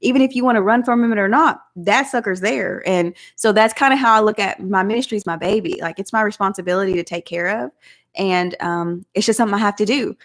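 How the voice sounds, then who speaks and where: A woman's voice: medium pitch, a little fast. Chatty woman with a country drawl. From Southeast Oklahoma. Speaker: vlog host. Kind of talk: casual live chat.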